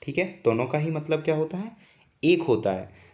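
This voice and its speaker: This man speaks at a moderate pace in a somewhat high, expressive, slightly mellow voice while patiently walking students through an English grammar lesson. He tends to repeat the main points as questions. The audio is dull and lo-fi.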